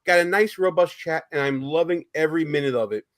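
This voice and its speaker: A man's voice: a little high, a little fast, fairly bright tone. A man with a Brooklyn accent hosting a casual live political talk show in a chatty, informal way.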